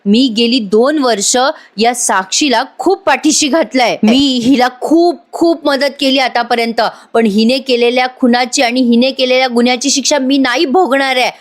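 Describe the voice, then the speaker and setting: A desperate young witness insists loudly on her innocence and turns on her accomplice, in a slightly raised voice, read by a woman narrator. The voice stays near the narrator's own, with no full acting put on. It is a voice-over retelling of a television serial. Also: sits high, moderate pace, few pauses, lightly acted. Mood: defiant. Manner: loud, pleading denials.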